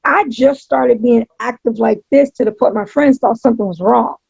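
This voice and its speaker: A woman with a heavily creaky, fairly high voice gives an interview in a casual, emphatic way. She repeats phrases to drive points home. The tone is husky and the audio is dull and lo-fi. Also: normal speed, a little mellow, no room sound. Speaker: interview guest, pro wrestling announcer.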